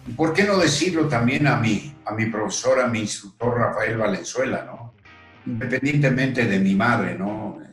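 Older Mexican man, unhurried earnest guest; roomy echo, faint music behind. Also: medium pitch, fairly bright tone. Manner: slow, earnest, with pauses and fillers. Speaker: guest, retired referee. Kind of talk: reflective storytelling in conversation.

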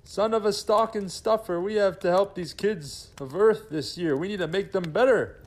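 A man doing a flustered high-voiced Santa. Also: moderate pace. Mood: baffled. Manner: bewildered, exclaiming. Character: flustered jolly Santa Claus, old man. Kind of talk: comedy sketch.

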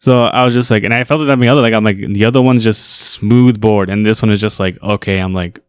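A man's voice: lowish voice, fairly even intonation, quick pace, clear, resonant tone, no echo. A man co-hosting a podcast in a casual, rambling chat, swearing freely. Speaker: podcast co-host.

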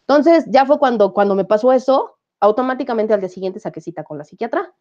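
A Mexican woman in her thirties talks as a guest and tells her story in a relaxed, easy way, acting out what people said to her. Her voice is mellow and a little dark. The audio sounds slightly muffled, like it came over a call. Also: on the high side, fast. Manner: animated, acts out quoted dialogue. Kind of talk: casual conversational storytelling.

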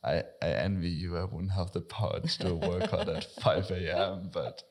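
A man's voice: deep voice, steady tone, normal speed. A man hosting a podcast interview, reading a friendly intro and then asking casual questions. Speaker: podcast host.

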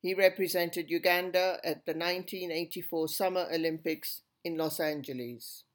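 A podcast host reading a scripted introduction in a measured, even delivery. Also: mid-range voice. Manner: measured, read-aloud delivery. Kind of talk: scripted narration.

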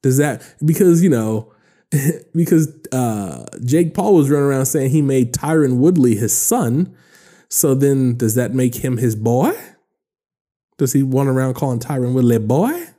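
A man in his thirties talks through a solo podcast episode, rambling from one joke to the next with plenty of ums and likes. His voice is mellow and relaxed, sitting at an ordinary middle pitch. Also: a little slow. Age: 30s. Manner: rambling, joking, lots of fillers. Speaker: podcast host. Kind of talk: casual solo podcast monologue.

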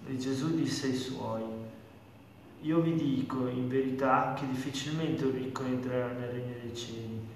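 A man's voice: mid-range voice, steady tone, measured pace, a little hiss or hum. Man reading scripture from afar in a hall. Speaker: scripture reader. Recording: distant mic in an echoey hall.

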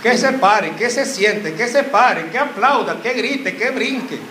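A young man preaching, his voice pitched high and cutting, as he teases the congregation and keeps firing questions at them. The sound rings around a roomy church hall. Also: lively intonation, a little slow, pushed and bright, a little hiss or hum. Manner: joking, quizzes the crowd with questions. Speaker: youth preacher. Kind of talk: sermon.

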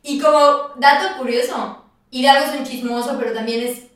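A young woman with a Mexican Spanish accent, telling a story in casual chat and acting out shouts and quoted lines. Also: sits high, normal speed. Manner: animated, acts out shouts and quotes with laughter. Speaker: podcast co-host. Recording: echoey room, mic at a distance.

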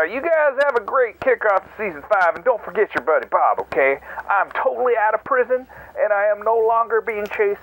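Man, goofy voicemail caller, lively high voice, heard through a phone message. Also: rough recording. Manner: goofy, jokey, self-mocking. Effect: played back from a phone voicemail. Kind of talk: rambling playful phone message.

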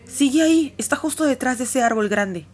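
A woman's voice: high voice, animated, brisk, voice pushed up. A woman voicing an older girl in a storybook reading, speaking in urgent, alert calls. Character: young girl, watchful and urgent.

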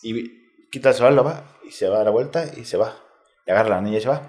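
A medium-pitched, slightly mellow man talks very fast in a Mexico City accent. As a retired footballer guesting in an informal interview, he tells a personal story step by step, candidly and in slang.

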